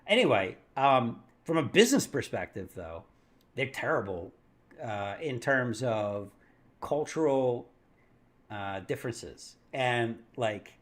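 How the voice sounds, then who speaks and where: A man hosts a casual live stream about markets, thinking out loud and correcting himself mid-sentence. His pitch rises and falls a lot as he talks. He laughs often between his points. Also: sing-song, slow. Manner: rambling, thinks aloud, self-correcting.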